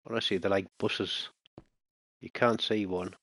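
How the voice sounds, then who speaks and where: Speaking low, at a measured pace, with fairly even intonation and a slightly bright tone, a man runs casual let's-play commentary on his gaming channel. He mutters to himself through a survival game and erupts in alarmed bursts when enemies appear.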